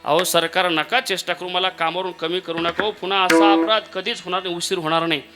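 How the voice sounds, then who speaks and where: A man's voice: sits high, level tone, fairly quick, loud music behind the voice, natural voice. A man voicing a humble, devout barber in a sermon story, pleading earnestly and emotionally. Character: humble devoted male barber, pleading servant.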